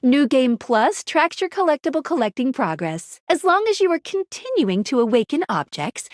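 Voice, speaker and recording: Perky high-voiced game guide Skylar. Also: female voice, moderate pace, no room sound, clean studio sound. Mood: cheerful, explanatory. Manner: bubbly, teasing, expressive delivery. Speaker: tutorial guide and dating sim character. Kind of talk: scripted video game character dialogue.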